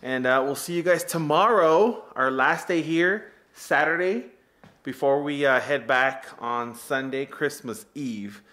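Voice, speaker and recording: A man vlogging with a loose, joking manner, talking straight to his viewers as burgers sizzle on a grill nearby. His pitch sits in the middle for a man, and his tone is easygoing and chatty. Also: unhurried, sharp tone. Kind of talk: casual vlog chat. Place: cabin deck and indoors by a fire, in the cold.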